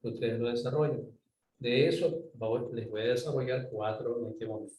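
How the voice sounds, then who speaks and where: A man's voice: medium pitch, fairly even intonation, moderate pace, darkish tone. A man giving an online university lecture, explaining step by step and often checking that students follow. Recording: roomy, distant mic, faint ambient noise.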